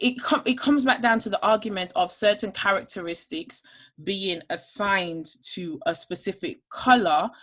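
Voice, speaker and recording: A woman's voice: medium pitch, fairly bright tone. A woman co-hosting a candid discussion podcast, making her case emphatically and point by point. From United Kingdom. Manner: emphatic, lays out points one by one. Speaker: podcast co-host.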